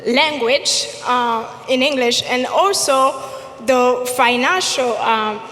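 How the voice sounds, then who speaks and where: A woman's voice: high-pitched, slow pace, a bit bright. A woman answering as a panelist at a live community event, hesitant with many ums. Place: event stage. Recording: echoey hall reverb.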